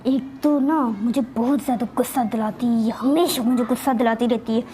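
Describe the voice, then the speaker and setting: A woman's voice: fairly high pitch, fairly even intonation, brisk, warm tone, a little hiss or hum, pitched below the performer's own voice, lightly acted. A woman voicing an impatient, angry young husband who scolds and complains in a game role-play. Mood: grumbling.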